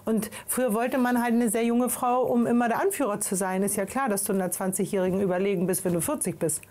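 A woman's voice: mid-range voice, fairly even intonation, fast talker, darkish tone. A woman talking as a guest in a casual talk show conversation, making her case with passion. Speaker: guest, author.

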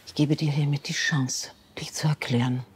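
A man's voice: a little high, animated, unhurried, slight background noise. An actor playing a domineering man in a TV drama, speaking with cold, threatening fury. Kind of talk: TV drama dialogue.

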